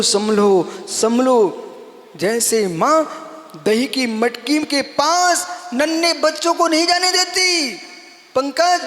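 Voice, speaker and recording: A man's voice: very high voice, a bit bright. A man giving a sermon as a monk, exhorting his listeners, calling them by name and repeating phrases for emphasis. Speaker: Jain monk preacher. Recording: long hall reverb.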